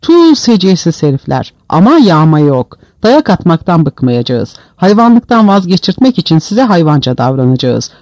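A man voicing a brutal male prison commander who shouts insults at inmates. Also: on the high side, very animated, fairly quick, hardly any pauses, no room sound. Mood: furious.

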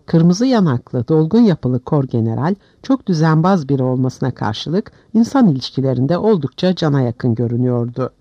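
A man narrating a historical novel as an audiobook with a steady, expressive reading. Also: mid-range voice, normal speed, hardly any pauses, dry recording, muffled recording.

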